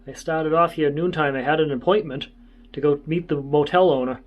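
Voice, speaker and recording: A man's voice: a little high, fairly even intonation, brisk, muffled recording. A man chatting casually to viewers as a travel vlogger, rambling along in an easygoing way. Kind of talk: casual vlog chat.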